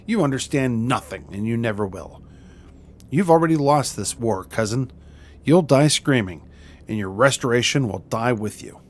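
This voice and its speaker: A man's voice: mid-range voice, lively intonation, normal speed, lightly acted. A man voicing a captured villainous noblewoman in a video game, haughty and defiant, sputtering grandiose threats. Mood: indignant, menacing.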